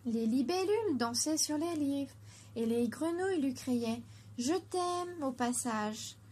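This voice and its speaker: High-voiced woman reading a children's story. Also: animated, a little slow, dark tone, slightly rough.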